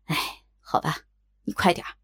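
A woman voicing a cautious, weary older male bandit who scolds his reckless junior in a lowered voice, for an audiobook. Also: moderate pace, a bit bright, natural voice. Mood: scolding.

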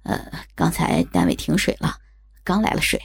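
Woman voicing a gruff, husky, muttering old man. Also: deep voice, huge pitch swings, moderate pace, voice pushed down, heavily acted. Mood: evasive, hesitant. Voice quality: husky, breathy, creaky. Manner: muttering, hesitant, evasive. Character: gruff, sly, lying old man, father-in-law.

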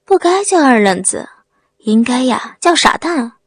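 A woman's voice: sits high, big pitch swings, a little slow, slightly rough, no room sound, exaggerated voice. A woman voicing a skinny male thug who sneers coldly. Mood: sneering. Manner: cold sneering.

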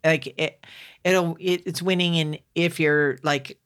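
A middle-aged woman with a notably low voice, co-hosting a podcast. She speaks candidly and casually, telling personal stories and sometimes getting animated. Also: slow pace. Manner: candid, storytelling, animated at times. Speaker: podcast co-host. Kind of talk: casual conversation.

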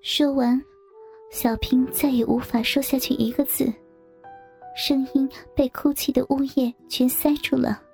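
A woman reading a scripted story aloud in a soft, half-whispered voice. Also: high voice, fairly even intonation, measured pace, faint music behind.

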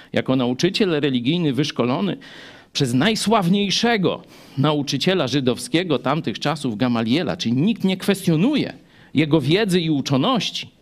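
Lively man preaching a sermon, upbeat pitch, loose rhetorical style. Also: normal speed. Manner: animated, chatty, rhetorical asides. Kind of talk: Bible study sermon.

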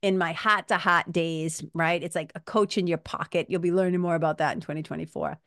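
A woman's voice: lowish voice, fairly even intonation, fairly quick, fairly bright tone, no room sound, studio quality. A woman speaking as a podcast host and coach, giving a casual, emphatic motivational talk to listeners in informal, salty language.

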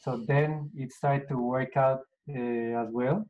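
A middle-aged Colombian man with a Colombian Spanish accent answers interview questions as a podcast guest who owns a business. His delivery is casual and halting, full of fillers and restarts. His voice is mid-range with fairly even intonation, and the audio sounds dull.

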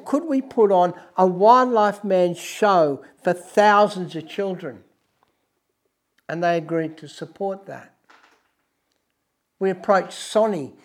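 An Australian man, presenting as a wildlife host, tells adventure stories in a high-pitched voice with deliberate, emphatic, dramatic delivery while music plays behind him.

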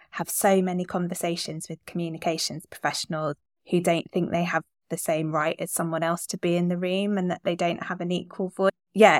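A woman's voice: lowish voice, no room sound, clean studio sound. A middle-aged woman hosting a conversational interview, responding in an affirming, reflective way. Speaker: podcast host, interviewer.

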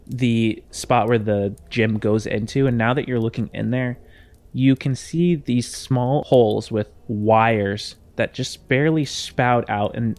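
A man's voice: medium pitch, a little mellow. Man narrating as game master. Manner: loose, descriptive narration with restarts.

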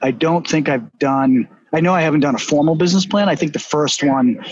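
A man with a Boston accent hosting a casual business chat, telling stories in an animated, emphatic way. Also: on the high side, fairly quick, crowd noise. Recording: dull, slightly lo-fi.

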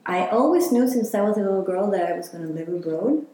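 A Chilean woman, a healer, reflects on things during a casual interview, leaning heavily on fillers. Her mid-range voice is warm, animated and quick, and the room around her is very echoey.

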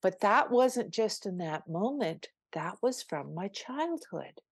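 An older woman speaks as a spiritual coach on a podcast, earnest and emphatic, often restarting her sentences. Her voice sits at a middle pitch. The sound is dry and close. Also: big pitch swings, takes it slowly, breathy edge, dry recording. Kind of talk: podcast guest storytelling.

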